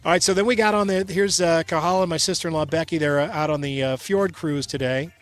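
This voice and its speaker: A man calling in to his radio show from a trip, telling about his day in a loose, rambling way and laughing along. His voice sits a little high for a man, and faint music plays under it. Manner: rambling, halting restarts, chuckling. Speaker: radio co-host calling in from travel. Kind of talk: casual chat.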